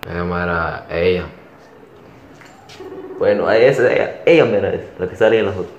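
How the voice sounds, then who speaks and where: A man's voice: deep voice, moderate pace. A young man with a Central American Spanish accent, chatting casually as he hosts a phone prank vlog. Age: young adult. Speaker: prank caller and video host. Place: small bedroom, indoors. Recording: echoey, dull room sound, faint noise.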